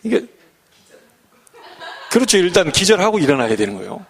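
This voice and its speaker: Male pastor, middle-aged, animated high-pitched delivery, humorous folksy sermon with rhetorical questions. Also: a little fast, vocal fry, breathy edge.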